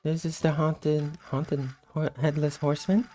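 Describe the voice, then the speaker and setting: Low, mellow, sleepy woman gamer. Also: level tone, a little slow. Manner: sleepy, just-woke-up morning voice. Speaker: gameplay host. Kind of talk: casual gameplay commentary.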